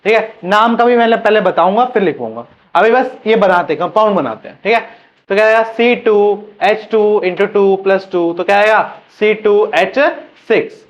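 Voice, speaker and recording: A man's voice: high voice, moderate pace. Guy teaching chemistry in class, keeps asking and repeating answers, muffled lo-fi sound. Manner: repeats questions and drills answers to students.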